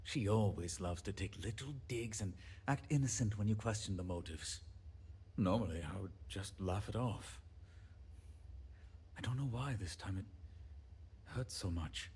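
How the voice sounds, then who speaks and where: A man's voice: lowish voice, darkish tone, a little hiss or hum, close to an everyday voice. A man voicing a fretful handyman. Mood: bitter. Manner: rambling, self-deprecating, quick to apologize. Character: fretful, apologetic male colony handyman. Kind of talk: video game dialogue.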